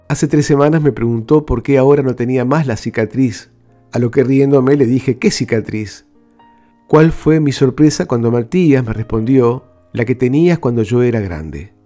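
A man hosting a radio program, calmly telling stories and reading out letters from listeners. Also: medium pitch. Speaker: radio host.

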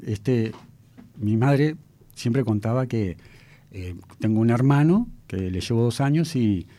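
Uruguayan man in his fifties, mellow. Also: medium pitch, lively intonation, takes it slowly. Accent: Uruguayan Spanish. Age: 50s. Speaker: guest, mentalist. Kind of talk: storytelling in a talk-show interview.

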